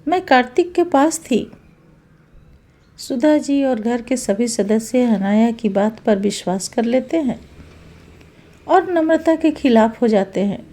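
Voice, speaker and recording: A woman narrating a scripted moral tale in a calm, even manner. Her voice is high and soft-toned. She reads slowly. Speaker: storyteller.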